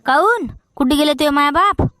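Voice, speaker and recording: A woman's voice: a little high, brisk, dry recording, studio quality. A woman playing a bantering Vidarbha village lad. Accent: Vidarbha Marathi. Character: young village man Khandu, shy. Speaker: comedy actor. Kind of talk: rural comedy sketch acting.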